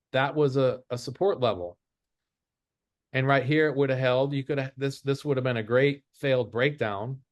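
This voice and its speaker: This is a trading instructor giving a relaxed lesson off the charts, going step by step and circling back to his rules. The recording is studio quality with no echo, and his voice sits in the mid range.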